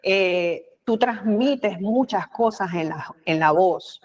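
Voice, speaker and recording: A woman with a Panamanian Spanish accent and a mid-range voice, speaking as the guest in an interview. She talks in an animated, expressive way, acting out little quoted lines. Her speech is loose and chatty, with frequent fillers. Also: medium pitch, slow. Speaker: guest, communication expert. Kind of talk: conversational interview.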